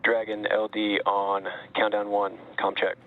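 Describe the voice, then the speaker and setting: Male launch controller, low monotone, clipped procedural calls over a thin, lightly noisy pilot headset channel. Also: measured pace, vocal fry. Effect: radio headset comms. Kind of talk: procedural radio comm checks. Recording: narrow crackly radio channel with noise.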